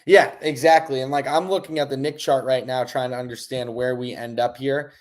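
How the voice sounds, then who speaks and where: A young man co-hosting a casual chat, excitable and rambling, stressed, swinging from low mumbles to loud bursts. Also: a little fast. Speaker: podcast co-host.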